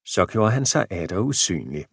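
A man reading a novel aloud as an audiobook narrator, in measured storytelling. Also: low voice, very animated, creaky, a bit bright, slightly rough, no room sound, clean studio sound. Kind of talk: scripted narration.

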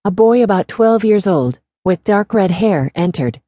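A woman narrating a novel in a steady, measured audiobook reading, recorded on a close studio mic. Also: medium pitch, no room sound. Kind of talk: scripted narration.

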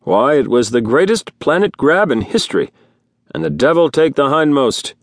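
A man's voice: on the high side, lively intonation, moderate pace, vocal fry, dry recording, clean studio sound, voice pushed up. A man voicing a jovial, heavyset human host who speaks in a showy, pompous way. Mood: expansive. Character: jovial obese older human dinner host.

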